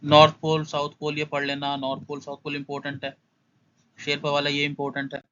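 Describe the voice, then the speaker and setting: Young male tutor, quick casual lesson, bright edge, slightly muffled lo-fi sound. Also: fairly high pitch, completely flat delivery. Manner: brisk, skims through points, repeats "must know". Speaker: exam prep tutor. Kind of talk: casual exam-prep lesson.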